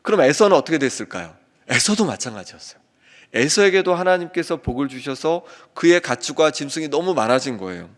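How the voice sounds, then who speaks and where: A man preaching a sermon as pastor, earnest, slowing down when he reads scripture aloud. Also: on the high side, very animated. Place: church sanctuary. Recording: long church reverb.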